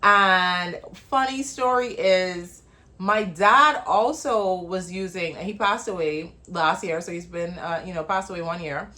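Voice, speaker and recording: A woman from the Bahamas, hosting her own show and talking casually, chatty and laughing, with quick asides. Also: on the low side, bright, forceful tone. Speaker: host. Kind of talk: casual talk-show monologue.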